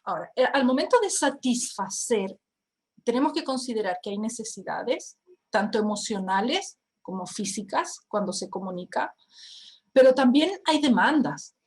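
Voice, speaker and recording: A woman's voice: fairly high pitch, moderate pace. A middle-aged woman, giving a talk to parents on family communication and acting out little dialogues. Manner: acts out family dialogues in lively quoted voices.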